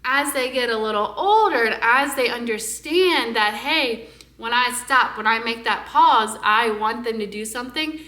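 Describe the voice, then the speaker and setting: A young woman speech-language pathologist giving parenting tips in a lively way and singing nursery songs with big, exaggerated delivery. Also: a little high, a little slow. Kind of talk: parenting tips with sung demonstrations. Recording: echoey room.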